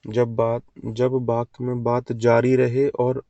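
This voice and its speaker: A man's voice: medium pitch, completely flat delivery, takes it slowly, mellow, dry recording. A man teaching an exam-prep grammar lesson, asking questions and answering them himself in a call-and-response way. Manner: quizzing, call-and-response delivery. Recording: dull lo-fi sound.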